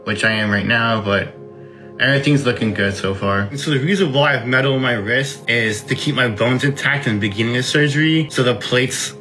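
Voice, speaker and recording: A man gives casual, explanatory answers in a bright, clear-cut tone. His lips sound slightly numb, so some words come out impeded. Faint music plays behind him. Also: medium pitch, a little fast. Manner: slightly impeded lip articulation, as if numb-lipped. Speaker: interviewee, transplant patient.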